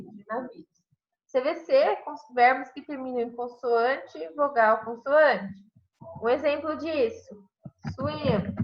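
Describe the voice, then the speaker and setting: A woman with a Brazilian Portuguese accent, an English teacher explaining grammar step by step in a class and tagging "né?" onto her sentences. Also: sits high. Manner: explains step by step, says "né?" constantly. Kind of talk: online class grammar review. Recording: dull lo-fi online class audio.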